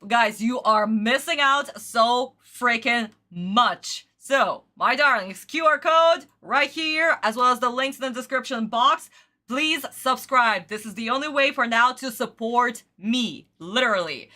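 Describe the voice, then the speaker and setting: A woman streaming anime reactions chats casually, effusively and theatrically, showering endearments. Her voice sits on the high side with a sharp tone, and her pace is unhurried.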